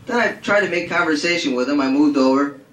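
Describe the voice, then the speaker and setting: Talking fast in a slightly high, lightly acted voice, a man brings to life a crude, brash racetrack bettor telling a streetwise tale with excitement and amusement. The live-reading monologue sounds roomy, with a distant mic and a little background noise.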